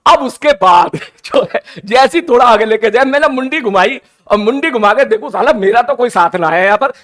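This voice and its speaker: A man, telling a funny personal story in a playful, animated, teasing way, like a teacher chatting with his class. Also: high-pitched. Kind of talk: casual storytelling.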